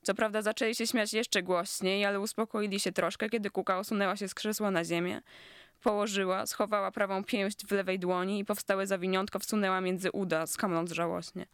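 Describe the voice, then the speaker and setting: A narrator reading literary prose aloud, and the tone stays sardonic and biting. The voice is smooth and resonant at a middle pitch. The recording is close and dry, with no reverb. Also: little pitch movement, a little fast, fairly bright tone. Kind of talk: scripted narration of a literary story.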